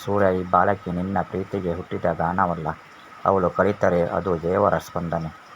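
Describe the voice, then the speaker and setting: A man voicing a young mother who is loving and anxious, reading her lines slowly and tenderly. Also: low voice, flat delivery. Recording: dull lo-fi with faint hiss.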